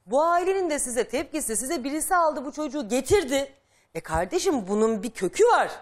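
A woman's voice: high voice, big pitch swings, brisk. A woman hosting a television talk show in a studio, talking guests through a family dispute in a firm, reasoning way.

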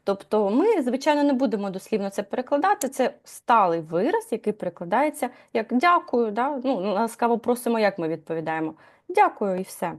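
A woman teaching Turkish in a live lesson, explaining patiently, asking her students questions and filling pauses with "e". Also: on the high side, very animated. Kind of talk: live online language lesson.

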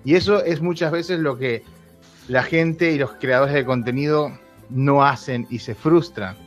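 A man's voice: mid-range voice, a little slow. A Uruguayan man in his thirties, a YouTuber talking candidly in an interview, laughing often and restarting his sentences. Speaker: YouTuber guest. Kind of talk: casual interview chat. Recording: dull lo-fi sound with faint music.

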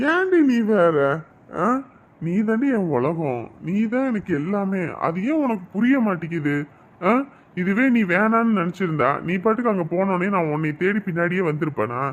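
Man playing a devoted, pleading young husband. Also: high voice. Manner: pleading, reassuring, then grumbling to himself. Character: devoted young husband caught between wife and mother. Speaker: actor in a family drama. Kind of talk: melodramatic web-series acting.

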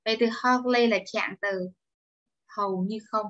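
A woman's voice: mid-range voice, steady tone, unhurried, fairly bright tone, muffled recording. A woman teaching an online English grammar class, explaining step by step and encouraging her students. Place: home or office, online class.

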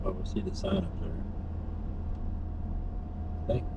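High-pitched and unhurried, this man's voice swings widely in pitch as he hosts a vlog from behind the wheel. He chats informally and keeps checking in with short tag questions. The moving car makes for a noisy recording, full of car and road sound.

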